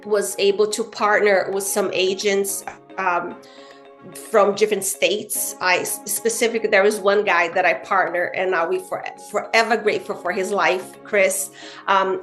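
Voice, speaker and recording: A woman from Brazil speaks in an earnest, animated way, and her pitch jumps up to stress a point. Her voice sits in the middle range for a woman. Faint music plays behind her. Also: a little slow. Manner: earnest, animated, with frequent "you know" fillers. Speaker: guest realtor. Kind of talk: casual interview chat.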